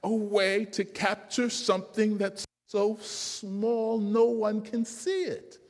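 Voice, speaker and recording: A man's voice: high-pitched, takes it slowly, voice pushed up. A man voicing a clever male spider in a folk tale, speaking in a lifted, eager way. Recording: long hall reverb.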